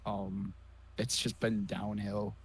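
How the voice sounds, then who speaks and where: A man's voice: lowish voice, level tone, slow, slight background noise. A man co-hosting a sports podcast, talking casually and jokingly with lots of fillers. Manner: easygoing, joking, many fillers. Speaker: podcast co-host.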